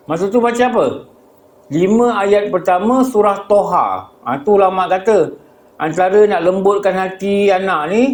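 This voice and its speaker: A man's voice: high-pitched, darkish tone. A man with a Malaysian Malay accent giving a mosque lecture, telling a story with rhetorical questions and acting out the dialogue. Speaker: religious teacher. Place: prayer hall. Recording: echoey prayer hall.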